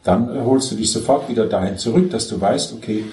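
A man's voice: lowish voice, fairly quick, dark tone, a little hiss or hum. A man as a spiritual teacher, patiently explaining self-inquiry step by step in a spiritual dialogue. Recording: roomy echo.

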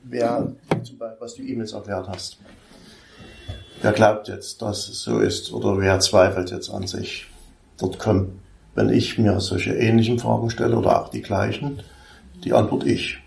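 Gravelly man asking questions, roomy echo. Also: lowish voice, fairly even intonation, measured pace, darkish tone. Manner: thoughtful, checking his understanding. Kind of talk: spiritual dialogue on self-inquiry.

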